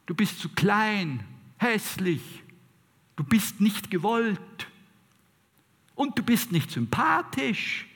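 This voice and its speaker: A man's voice: high voice, very animated, slow pace, pauses often, a bit bright, slightly rough, long reverb tail, voice pushed up, exaggerated voice. A man voicing a scornful inner critic that belittles and nags the listener. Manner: scornful, mocking.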